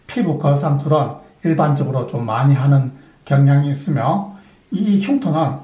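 Middle-aged male surgeon, methodical explainer, slightly high, mellow tone, roomy sound. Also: highs cut off. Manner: methodical, poses and answers his own questions. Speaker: plastic surgeon. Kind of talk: explanatory clinic talk.

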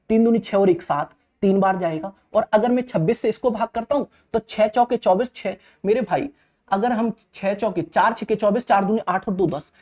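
A man in his thirties with a very high, slightly mellow voice teaches exam maths from a digital board in an indoor studio. His manner is instructive and repetitive as he moves step by step, frequently speaking to listeners as friends and checking that they understand.

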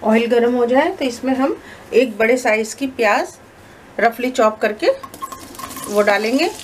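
A woman explaining a recipe step by step in a calm, instructive voice-over as cooking show host. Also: fairly high pitch, a little slow, slight background noise. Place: home kitchen.

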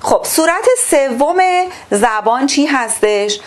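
A woman teaching a sixth-grade literature lesson online, reading the text slowly and then explaining it to the children. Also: on the high side, lively intonation. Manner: asks the class questions and answers them herself.

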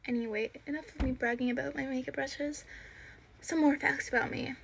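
An eighteen-year-old Italian woman vlogs a casual get-ready-with-me chat while doing her makeup in her small bedroom, filming herself on a phone held close at arm's length. Her voice is high, creaky, and fairly bright, with fairly even intonation and a slightly fast pace, and she rambles a bit, leaning on fillers. The recording is rough, with slight background noise.

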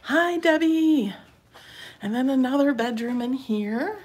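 A chatty woman gives a casual house tour of a small home's rooms, then the porch and driveway, in a slow, somewhat high, darkish voice with lively intonation. A camera operator follows with a handheld phone, and the recording is noisy on the move, with some background noise.

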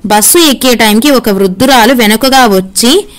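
A woman narrates a devotional folk tale as scripted storytelling. Her delivery is steady and read-aloud, in a slightly high voice. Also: moderate pace.

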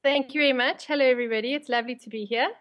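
High-voiced South African woman. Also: fairly even intonation, rapid-fire, dull audio, crowd noise. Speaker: interview guest. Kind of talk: casual interview chat.

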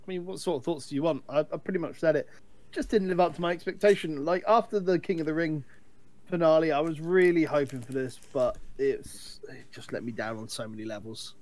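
A man's voice: fairly high pitch, a little fast, a little mellow. A man co-hosting a wrestling podcast, giving his views bluntly and sounding unimpressed. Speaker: podcast co-host. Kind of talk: casual chat.

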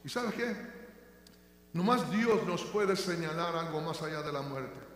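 Older male pastor, high voice, fervent to tender sermon, booming church reverb. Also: expressive, a little slow. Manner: swings between loud fervent proclaiming and quiet tender storytelling. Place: church sanctuary. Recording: echoey church hall.

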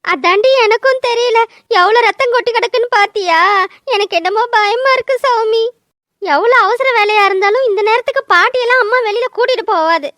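A woman's voice: extremely high pitch, brisk, a bit bright, no echo, clean studio sound. A woman voicing a frightened schoolgirl in a cartoon, who speaks in a tearful, pleading way. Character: frightened schoolgirl, older cousin. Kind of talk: cartoon dubbing.

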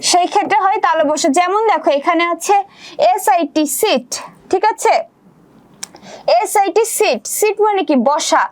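A woman as a high-voiced teacher, patient, step-by-step, keeps checking in. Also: moderate pace. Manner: explains step by step, keeps checking students follow. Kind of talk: online exam-prep lesson.

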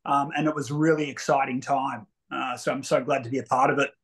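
A man's voice: medium pitch, steady tone, fast talker, fairly bright tone. A man, a co-producer chatting enthusiastically over a webcam. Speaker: co-producer and actor. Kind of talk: casual interview on a video call. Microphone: video call webcam.

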